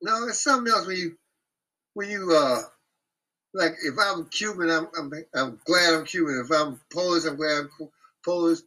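A man hosting a casual group talk, speaking bluntly and profanely in an animated rant. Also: fairly high pitch, normal speed, rough recording.

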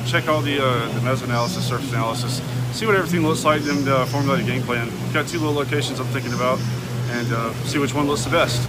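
Fast-talking man amid loud noise. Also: mid-range voice. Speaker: storm chaser and driver. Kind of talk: casual chat. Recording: very noisy, vehicle and wind buffeting.

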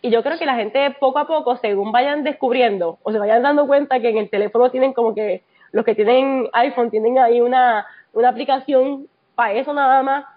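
High-voiced, fast-talking Puerto Rican woman. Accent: Puerto Rican Spanish. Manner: fast-talking, full of fillers. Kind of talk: casual chat. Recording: dull, slightly lo-fi audio.

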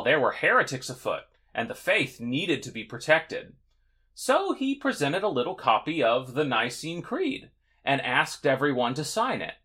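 A man's voice: mid-range voice, a bit bright. A man hosting a podcast, telling church history in a scripted, wry and sarcastic way. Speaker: podcast host.

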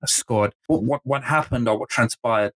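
A man's voice: medium pitch, moderate pace, a bit bright. Chatty man hosting a football podcast. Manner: chatty, enthusiastic, many restarts. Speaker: podcast host. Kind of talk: casual football podcast talk.

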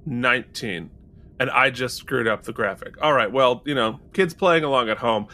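A man's voice: medium pitch, moderate pace, slight background noise. A man co-hosting a casual podcast review, reading listener comments and joking around with frequent laughter. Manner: animated and jokey, laughing often. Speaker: podcast co-host. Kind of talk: casual chat.

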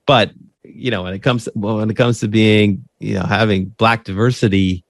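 Dry and free of room sound, the recording captures a man with a lowish, steady voice and some vocal fry speaking at a moderate pace. Interviewed casually about his podcast, this host is earnest and chatty, frequently asking "right?" while restarting phrases and repeating himself.

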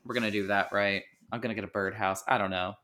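A man's voice: on the low side, fairly even intonation, quick pace, bright, forceful tone. A man co-hosting a podcast, chatting casually and jokingly laying out schemes. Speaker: podcast co-host. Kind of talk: casual chat.

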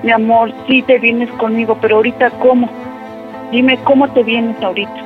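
Middle-aged woman, mother on phone, high voice, urgent, swears, faint music. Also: steady tone, normal speed, phone-quality sound. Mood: pleading. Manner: anxious, then furious and swearing. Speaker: prank call victim, mother. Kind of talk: phone conversation.

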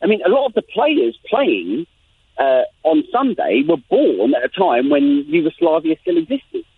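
Heard through a tinny phone line with slight background noise, an English man from England talks animatedly as a guest journalist in an interview. His high, creaky voice moves at a moderate pace, and he often restarts and repeats his sentences.

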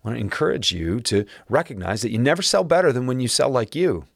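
A man hosting his podcast alone, speaking in an earnest, encouraging way with a raspy voice today. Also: medium pitch, expressive, fast, dry recording, studio quality. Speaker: podcast host. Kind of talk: solo podcast monologue.

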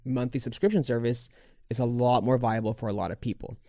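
A man's voice: medium pitch, steady tone, brisk, dark tone, dry recording. Man, casual podcast chat, rambling with fillers, dry close sound. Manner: rambling, full of fillers and restarts. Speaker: podcast co-host.

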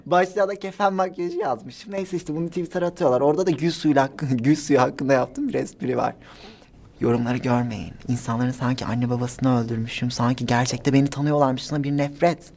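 A nineteen-year-old man telling stories as a guest in a casual interview, animated and giggly, acting out the people he quotes. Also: mid-range voice, fairly quick, creaky. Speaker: guest, social media personality.

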